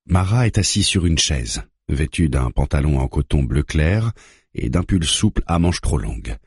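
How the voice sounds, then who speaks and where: A man narrating an audiobook in a steady, measured reading. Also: extremely low pitch, husky, no room sound, studio quality.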